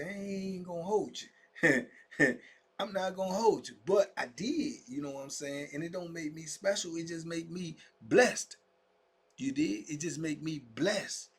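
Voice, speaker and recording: A husky-voiced man in his fifties, a vlogger, tells his own prison story in a casual monologue straight to camera. His tone is a little high and fairly bright, and he talks in loose street slang, full of fillers like "man" and "you dig," sometimes dropping to a whisper.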